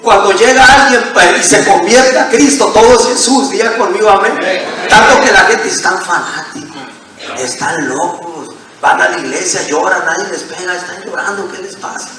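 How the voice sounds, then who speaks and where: High-voiced pastor preaching in an echoey church. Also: male voice, normal speed, pushed and bright. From Mexico. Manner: emphatic preaching with call-and-response to the congregation. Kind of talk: sermon. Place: church sanctuary. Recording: echoey church hall from far off.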